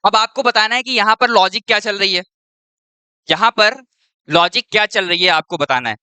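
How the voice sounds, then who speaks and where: A man's voice: sits high, moderate pace, bright, forceful tone, clear, resonant tone, dry recording. A male teacher talking through an exam-prep lesson step by step. He keeps checking in with the students as he goes. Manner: checks in with students often and keeps saying "your".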